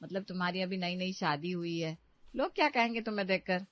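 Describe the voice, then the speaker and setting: A woman's voice: on the low side, a little fast, no room sound, lightly acted. A woman voicing a traditional middle-aged mother-in-law who lectures firmly. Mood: lecturing. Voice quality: firm, lecturing. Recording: dry, slightly dull recording.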